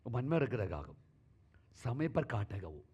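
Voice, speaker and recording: A male pastor preaching a sermon in a church, shifting between sudden loud calls and soft asides. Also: medium pitch, very animated, measured pace, husky, dull audio.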